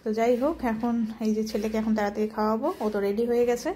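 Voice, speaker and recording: A woman's voice: fairly high pitch, fairly even intonation, rapid-fire, mellow, slight background noise. A woman chatting casually through a home vlog, coaxing her young son in a sing-song way. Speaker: vlogger and mother.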